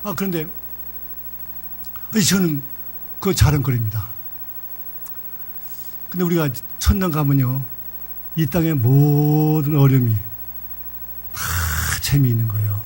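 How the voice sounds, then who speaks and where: An older man preaching a sermon in a church, telling a story in a lively, folksy way. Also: fairly high pitch, unhurried, pauses often, slight background noise. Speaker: pastor.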